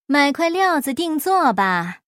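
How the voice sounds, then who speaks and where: A scornful shopkeeper mocks a miserly customer, put on by a woman reading a storybook. Pitch rises and falls widely at a slow pace. The sound is dry. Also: sing-song, a bit bright, no echo, exaggerated voice. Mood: mocking. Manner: scornful, laughing. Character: mocking shopkeeper man.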